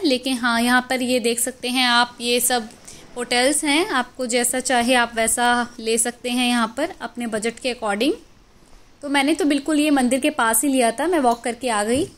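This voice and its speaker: A slightly high, steady, fairly bright female voice leads viewers along a mountain trail near a waterfall in a cheerful walking travel vlog. The travel vlogger recorded outdoors on a phone, so rushing water can be heard behind her.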